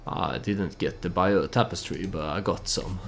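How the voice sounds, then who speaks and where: A let's play host who isn't a native English speaker offers casual gameplay commentary mixed with storytelling, hesitant and meandering. His voice is low and gravelly, and he speaks a little slowly over soft background music.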